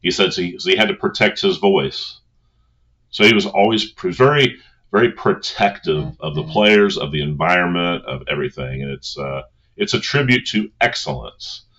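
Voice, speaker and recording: A man's voice: low voice, expressive, normal speed, a bit bright. A man speaking as a coach, giving an informal motivational talk in an earnest, conversational manner on a dull recording.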